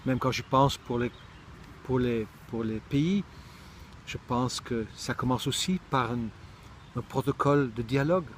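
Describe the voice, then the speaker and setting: A middle-aged Israeli man shares personal reflections in a thoughtful monologue, searching for words and often restarting his sentences. His voice is mid-range and a little slow, with a faint hiss or hum behind it.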